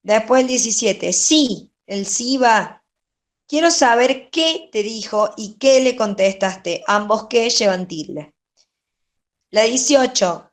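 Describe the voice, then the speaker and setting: In an online class, a patient, unhurried woman with a mid-pitched voice goes over grammar exercises and their answers, checking in with "¿sí?".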